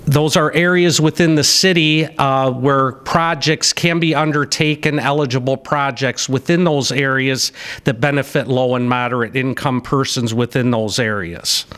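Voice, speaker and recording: A man's voice: mid-range voice, fairly even intonation, normal speed, fairly bright tone, clear, resonant tone. A middle-aged man, a city staff member, reading budget figures from his notes at a public hearing, with some "uh" fillers and restarts. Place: city council chamber, indoors. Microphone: podium microphone.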